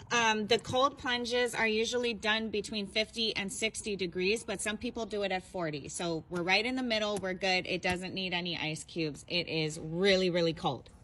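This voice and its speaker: A woman's voice: medium pitch, bright, forceful tone, a little hiss or hum. A young woman talking casually to her phone as she vlogs a product review. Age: young adult. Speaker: content creator reviewing products. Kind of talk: casual vlog to camera.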